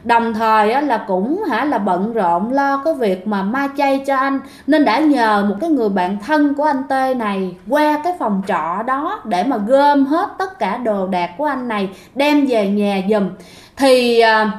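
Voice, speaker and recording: A woman's voice: a little high, lively intonation, measured pace. A woman narrating a ghost story in a chatty way, often speaking directly to her listeners. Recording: echoey room.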